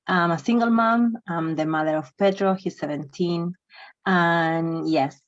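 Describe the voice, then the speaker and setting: Lowish-voiced woman from Bolivia on a dry, muffled call. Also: dry recording. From Bolivia, raised in Argentina. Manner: warm, grateful, rushed restarts. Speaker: panelist, climate activist. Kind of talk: casual introduction on a panel. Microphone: video call.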